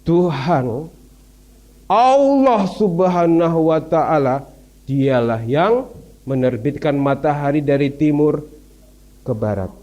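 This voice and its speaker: A man voicing a calm, steadfast prophet who answers a tyrant in a low, reasoned way. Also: slow pace, pauses often, muffled recording.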